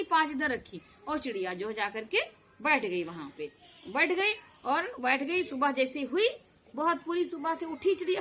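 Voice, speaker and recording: A woman telling a children's folk tale in an animated way, with sound effects and acted voices. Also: high-pitched, a little hiss or hum. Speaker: storyteller.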